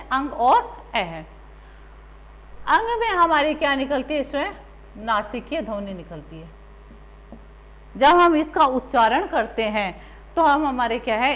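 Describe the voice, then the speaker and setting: A woman's voice: sits high, a bit bright, low-quality recording. A woman teacher giving a grammar lesson, asking the class questions and then answering them herself.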